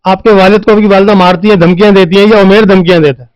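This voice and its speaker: A man working as a field reporter, conversationally explaining a case on location and gently questioning the person seated beside him. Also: high-pitched, steady tone, dry recording, rough recording. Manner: conversational, repeats filler phrases while explaining. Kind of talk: on-location news interview.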